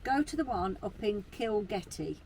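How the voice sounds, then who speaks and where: A woman's voice: mid-range voice, animated, moderate pace, a little mellow. A British woman vlogging in casual, chatty talk full of informal slang. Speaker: travel vlogger. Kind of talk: casual chat to camera. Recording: noisy location sound with ambience.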